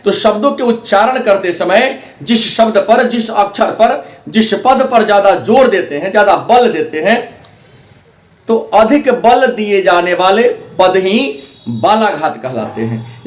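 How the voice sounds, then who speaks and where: A man teaching a classroom grammar lesson, his voice pitched high for a man and bouncing in an echoey room. He explains step by step, repeating each point and leaning on syllables to show them. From India.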